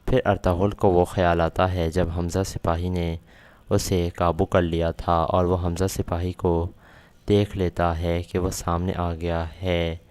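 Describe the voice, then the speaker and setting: A male narrator retelling a drama episode scene by scene in a steady, matter-of-fact way. His voice is very deep and barely moves in pitch. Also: clean tone. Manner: steady plot retelling with quoted lines.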